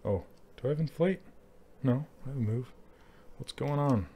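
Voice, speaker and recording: A man's voice: medium pitch, moderate pace, mellow, slightly rough. A man teaching 3D character sculpting on a live stream, chatty and laughing often as he works and answers chat. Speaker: 3D art instructor streaming live. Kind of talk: casual live-stream tutorial.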